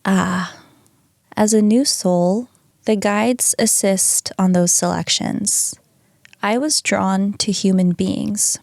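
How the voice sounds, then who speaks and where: A woman voicing a hypnotized male patient who calmly reflects on his soul's choices, reading from a printed script. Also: medium pitch, slow pace, vocal fry, dry recording, clean studio sound. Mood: reflective. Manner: calm, reflective answers read from a script.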